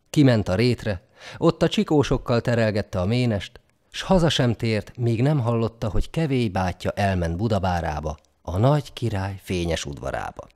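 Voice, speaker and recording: A man reading a folk tale aloud in a dramatic, expressive storybook narration. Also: on the low side.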